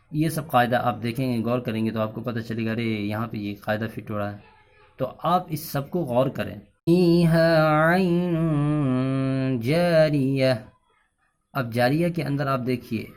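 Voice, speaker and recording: A man from Bihar, India, teaching Quran reading, who patiently explains each rule step by step and has learners repeat after him. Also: mid-range voice. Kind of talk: teaching lesson.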